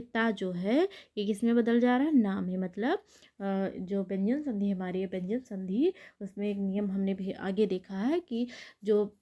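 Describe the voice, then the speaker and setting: A woman teaching a spelling lesson for exam preparation, with frequent repetitions and quick self-corrections. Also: mid-range voice, dark tone. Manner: repeats words, frequent "ठीक है" and self-corrections.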